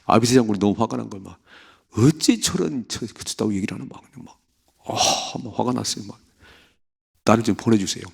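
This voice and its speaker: A male Korean pastor preaching at a dawn prayer service, with a low voice and a gravelly edge. He reads scripture aloud and then breaks into lively retellings, acting out the voices in the story. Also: a little fast. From South Korea. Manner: animated, acts out the story's voices. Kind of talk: early morning prayer sermon.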